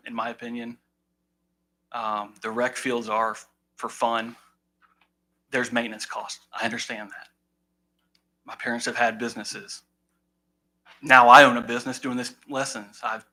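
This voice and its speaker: Young guy coach at the podium, bright tense voice, fired up but holding it together. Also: mid-range voice, rough recording. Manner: earnest, frustrated, holding back emotion. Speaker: volunteer baseball coach speaking at public comment. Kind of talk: public comment at a county meeting.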